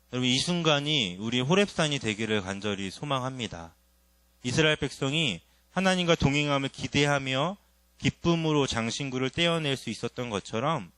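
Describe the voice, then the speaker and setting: A young male preacher giving a sermon, with a pitch that swings up and down as he tells his own story. He questions the congregation as he goes, and the sound is close and dry, with no room echo. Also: a bit bright.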